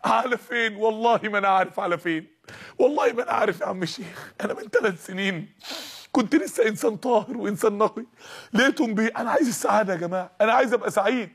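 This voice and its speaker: A broken young Egyptian man pleads and stammers, with a husky voice that rushes ahead, as a male preacher voices him. His words trip over each other, and he repeats himself. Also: high voice. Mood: pleading. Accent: Egyptian Arabic.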